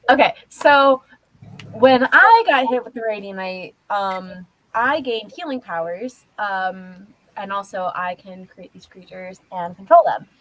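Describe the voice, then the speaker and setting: A woman's voice: medium pitch, animated, measured pace, a bit bright, poor audio. Woman rambling in character at a cosplay q&a, lots of ums. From Australia. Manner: rambling, hesitant, many fillers. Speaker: cosplayer answering questions in character. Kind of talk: in-character livestream chat.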